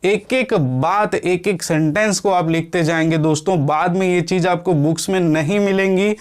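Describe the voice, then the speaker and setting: High-voiced man teaching a lesson. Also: fairly even intonation, darkish tone, clean tone. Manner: explains step by step, keeps asking the class questions and answering them; sounds out letters slowly to demonstrate. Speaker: exam coaching teacher. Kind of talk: classroom lecture.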